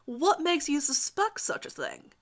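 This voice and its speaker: Woman as smug teen heartthrob Alejandro, animated. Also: sits high, a little slow, pitched above the performer's own voice, heavily acted. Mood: gentle, guarded.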